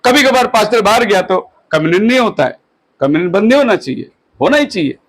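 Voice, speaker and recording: High-voiced pastor in his fifties preaching. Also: very animated, low-quality recording. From India. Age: 50s. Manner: exhorting, mixes English phrases and slows on them. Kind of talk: sermon at a house prayer meeting.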